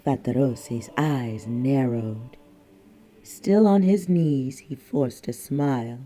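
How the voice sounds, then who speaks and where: A man narrating a historical thriller audiobook in a measured, deliberate way. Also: mid-range voice, warm tone.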